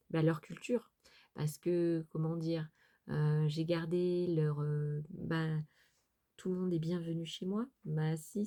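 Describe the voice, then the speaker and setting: Low, mellow-voiced chatty French woman. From France. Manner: hesitant, many fillers and restarts, chatty asides. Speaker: sewing and crafts vlogger. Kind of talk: casual chat to viewers.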